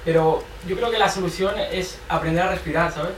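An earnest man with a high voice speaks a little fast in a reflective group sharing session, offering advice and repeatedly tacking on a tag question. He's captured from far off in an echoey room, with faint noise.

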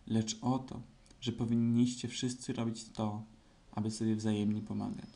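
A man voicing a gloomy, pompous old male donkey in a storybook reading, speaking slowly and solemnly. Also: lowish voice, flat delivery, creaky, warm tone.

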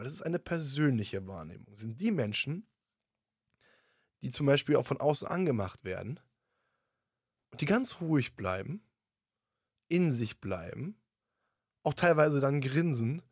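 A man's voice: medium pitch, darkish tone, no echo. A man hosting an interview, talking emphatically, repeating key words and summing up points. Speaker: podcast host. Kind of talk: conversational podcast interview. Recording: dry, close sound.

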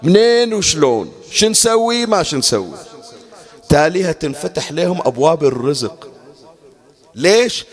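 A man preaching a sermon, his voice pitched high and swinging widely up and down. He poses rhetorical questions to the gathering and lifts certain phrases into a melodic chant.

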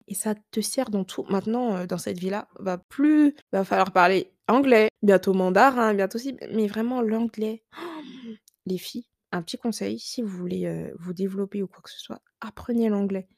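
A woman's voice: medium pitch, a little mellow, no room sound, studio quality. A young woman from France chatting casually as a podcast host, giving emphatic advice with lots of fillers.

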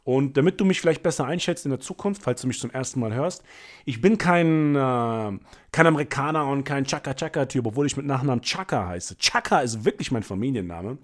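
Energetic German man coaching sales. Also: mid-range voice, a little fast. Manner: energetic, emphatic, big swings between loud and quiet. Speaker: sales coach and podcast host. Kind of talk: motivational podcast monologue.

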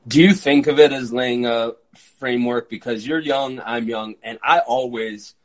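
A man in his early thirties hosting a podcast interview, eager and quick, with frequent fillers. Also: medium pitch, fairly even intonation, low-quality recording. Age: 30s. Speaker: podcast host. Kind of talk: conversational interview.

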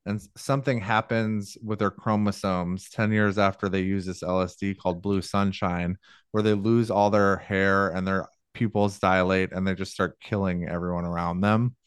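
A man's voice: low voice, flat delivery, normal speed, clean tone, no room sound, studio quality. A young man co-hosting a podcast, chatting casually about movies in a rambling way, full of fillers. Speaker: podcast co-host.

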